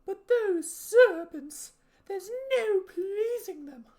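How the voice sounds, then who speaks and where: A frantic storybook pigeon, with an extremely high, piercing voice. It scolds slowly and indignantly, stretching words into suspicious, shrieking complaints. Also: female voice, lively intonation, a little mellow, exaggerated voice. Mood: shrieking alarm, then exasperated, sobbing. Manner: shrieking, drawn-out, scolding delivery. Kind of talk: storybook character voice.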